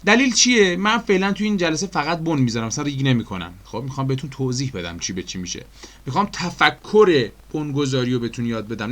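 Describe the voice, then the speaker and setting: A man's voice: fairly high pitch, fairly bright tone. A man with an Iranian Persian accent giving a chatty screen-recorded animation tutorial, explaining step by step with frequent fillers and questions to his viewers. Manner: addresses viewers as dear friends.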